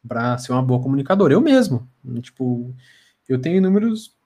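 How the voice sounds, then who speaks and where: A man's voice: medium pitch, very animated, fairly quick, mellow. Male podcast guest, Brazilian accent, conversational, lisping with slushy s sounds, stutters and repeats himself. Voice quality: tongue-tied lisp with slushy s. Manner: stammering, repeats words and syllables.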